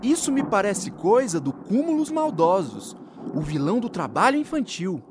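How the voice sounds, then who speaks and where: A woman voicing a spirited, husky boy who leads a cartoon gang of young heroes. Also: mid-range voice, big pitch swings, moderate pace, noisy background, lightly acted.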